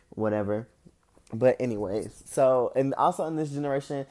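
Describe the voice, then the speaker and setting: A young man with a slightly stuffy nose, talking candidly in a casual solo monologue full of fillers and restarts. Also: on the low side. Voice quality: a little stuffy-nosed. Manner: rambling, candid, with frequent fillers. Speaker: podcast host.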